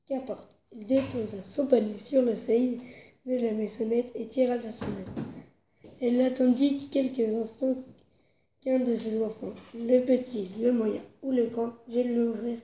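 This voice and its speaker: A woman with a mellow, fairly high voice reads a children's story aloud a little slowly, her expressive telling building with the story's tension. The lo-fi recording has a roomy echo and faint background noise.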